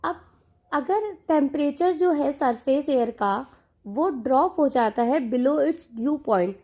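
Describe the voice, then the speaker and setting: A woman with a high but dark voice teaches slowly in an online exam-prep class. Her lecture mixes Hindi and English, with key terms repeated for her learners.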